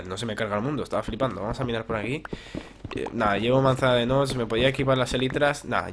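A young man from Spain, narrating his game casually, swinging between low mutters and excited outbursts, with crude slang and asides to viewers. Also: slight background noise. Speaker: gaming youtuber. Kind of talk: casual gameplay commentary. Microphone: desk mic.

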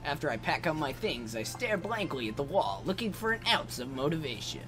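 A man's voice: on the high side, big pitch swings, fairly quick. Man reading as reluctant teenage boy, resigned, game narration, music underneath. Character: reluctant, aimless teenage schoolboy narrating his own day. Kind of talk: visual novel narration read aloud. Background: loud game music.

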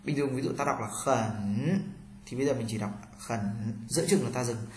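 A male teacher giving a pronunciation lesson, drilling syllables slowly with each tone exaggerated, then explaining them. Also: mid-range voice, darkish tone, slight background noise. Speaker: Chinese language teacher. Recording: roomy echoey room sound.

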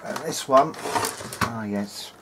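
A man with a medium-pitched voice speaks slowly, thinking aloud in a hesitant way. He is a hobbyist electronics repairer hosting a casual hands-on demonstration at an indoor workbench. The recording is clear, with background noise from the workshop room.

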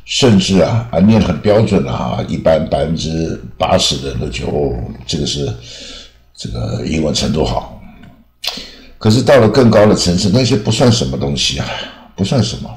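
A man teaching English over slides in Taiwanese-accented Mandarin, unhurried, with many drawn-out filler sounds. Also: low-pitched, sing-song. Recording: echoey room.

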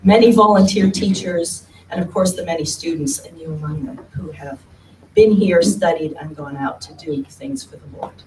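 A woman on the low side of the pitch range presents a history talk at a lectern before an audience in a meeting room. Her pace is moderate, her style conversational, and she repeats words often. The recording comes from a far camera at the back, giving a roomy, distant sound and a faint hum.

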